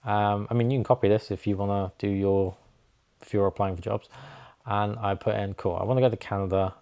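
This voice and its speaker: A man's voice: lowish voice, brisk, smooth. A young man, a snowboard instructor, casually telling a story to camera and acting out the dialogue. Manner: chatty, animated, acts out quoted dialogue.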